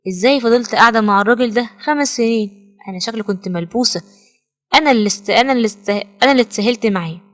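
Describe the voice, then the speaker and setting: A woman voicing an exasperated young woman in a fast Egyptian Arabic story recap. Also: a little high, soft background music, close to an everyday voice. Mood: muttering. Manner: sharp, exasperated. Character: fiery young woman, fed-up ex-girlfriend.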